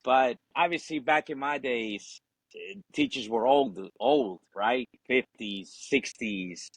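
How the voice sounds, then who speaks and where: A man's voice: medium pitch, big pitch swings, slow pace, creaky, slightly rough, dry recording, rough recording. Easygoing Ecuadorian-born man, dry close sound. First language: Spanish. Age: 40s. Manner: easygoing, swears, leans on fillers. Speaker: podcast guest, Marine veteran. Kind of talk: casual chat.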